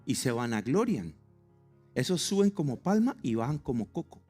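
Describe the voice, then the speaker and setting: A man with a Colombian accent, preaching a sermon in a lively, joking way and acting out stories. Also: medium pitch, moderate pace, soft background music. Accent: Colombian Spanish. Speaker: pastor.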